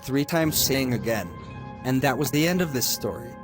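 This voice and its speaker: A man's voice: mid-range voice, animated, moderate pace, over music. A man voicing a stern middle-aged judge in a homemade animation, lecturing at length and sounding exasperated. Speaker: narrator and voice actor of an animation.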